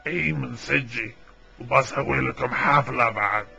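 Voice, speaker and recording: A man with a Bahraini Gulf Arabic accent voicing a scheming, gravelly cartoon villain in a comic dub. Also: medium pitch, moderate pace, highs cut off, music in the background. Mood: sly, promising. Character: scheming villain bargaining with the Smurfs.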